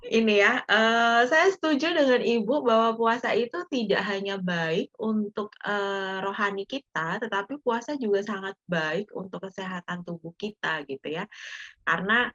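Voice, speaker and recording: A woman's voice: mid-range voice, moderate pace, a bit bright, highs cut off. Chatty woman hosting a church talk. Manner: chatty, many fillers, acts out her own past thoughts. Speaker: host. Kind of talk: casual church talk-show moderation.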